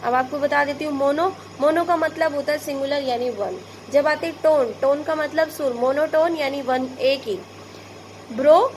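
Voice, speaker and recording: A woman's voice: high voice, a little mellow, slight background noise. A woman teacher with an Indian Hindi accent, patiently explaining word prefixes to young pupils, repeating each example. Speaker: school English teacher.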